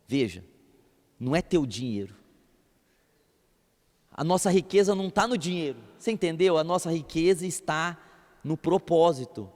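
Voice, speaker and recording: A man preaching a sermon as a pastor, telling stories in an animated way and acting out voices. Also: on the high side, long reverb tail. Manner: animated storytelling, acts out voices and laughs.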